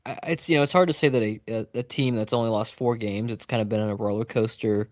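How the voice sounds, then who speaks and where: A man's voice: on the low side, steady tone, quick pace, dry recording. A man with a stuffy, congested voice talks loosely on a sports podcast. He rambles and jokes at his own expense, recorded from his bed with a dry, close sound. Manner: rambling, self-mocking humor. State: congested with a cold. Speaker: podcast co-host. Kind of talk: casual sports podcast chat. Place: bedroom. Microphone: home setup in bed on video call.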